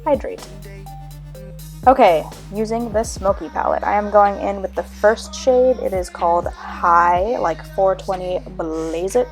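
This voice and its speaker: A woman's voice: mid-range voice, unhurried, hardly any pauses. A young woman narrating a casual makeup tutorial in a chatty, wry, self-deprecating way, sounding a little tired and hungover. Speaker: makeup vlogger. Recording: background music under voice-over. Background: music.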